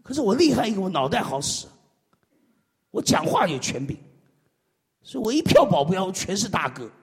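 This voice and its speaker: A man preaching a sermon, swinging between loud exclamations and low murmured amens. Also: sing-song, normal speed, gravelly, breathy edge. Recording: echoey hall.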